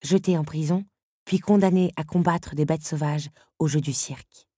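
A woman narrating an audiobook in a calm, measured storytelling manner. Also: low voice, husky, no echo, studio quality. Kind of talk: scripted narration.

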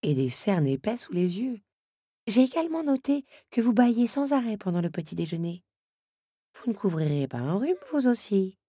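A woman reading a storybook voices a worried, motherly female teapot that fusses and gently scolds, with a husky voice. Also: mid-range voice, sing-song, normal speed, no echo, clean studio sound, voice pushed up.

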